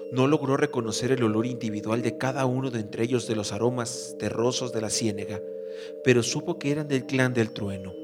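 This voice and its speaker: A man narrates an audiobook chapter in a measured, even reading voice of middle pitch. Background music plays steadily under his voice. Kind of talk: scripted storybook narration.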